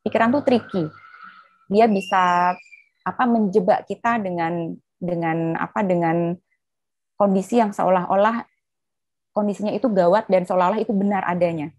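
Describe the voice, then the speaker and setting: A woman's voice: mid-range voice, fairly even intonation, moderate pace, pauses often, darkish tone, no echo. A woman psychologist explaining to an interviewer, talking fluently with frequent "eh" fillers. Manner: fluent, with many "eh" fillers, acts out quotes. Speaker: psychologist guest.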